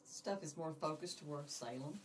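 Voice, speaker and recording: A woman in her eighties from Indiana, a guest in a casual interview, speaking quickly and modestly with small restarts. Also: low-pitched, slight background noise. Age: 80s. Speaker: interview guest, community volunteer. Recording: voice picked up from a distance.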